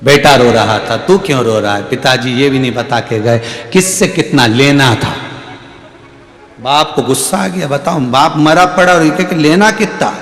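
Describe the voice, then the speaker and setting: A man giving a devotional katha sermon, animated and humorous, acting out voices in his stories. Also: mid-range voice, unhurried. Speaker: Shiv Purana katha preacher. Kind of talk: devotional sermon with comic storytelling. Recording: echoey hall with faint music.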